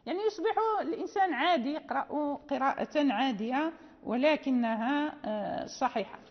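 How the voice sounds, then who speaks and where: A woman teaching Quran recitation rules, patiently demonstrating pronunciations slowly and checking with the listener as she goes. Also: sits high. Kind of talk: tajweed lesson. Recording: dull audio in a reverberant hall.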